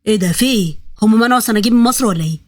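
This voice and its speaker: A woman voicing a cocky, stubborn young man in his late twenties, with an Egyptian accent and a bantering, quick-tongued manner. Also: on the high side, no room sound, studio quality, close to an everyday voice. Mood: teasing. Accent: Egyptian Arabic.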